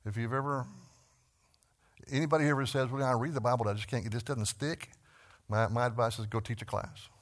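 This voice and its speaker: Speaking at a brisk clip with fairly even intonation, this medium-pitched male voice belongs to a Texan man teaching a church Bible class. His delivery is conversational and earnest, full of restarts and repeated words.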